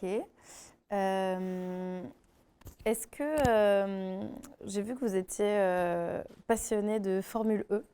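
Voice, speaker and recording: Woman interviewer, mellow voice. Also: mid-range voice, steady tone, slow pace, smooth. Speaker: interviewer, alumna. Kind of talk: interview questions.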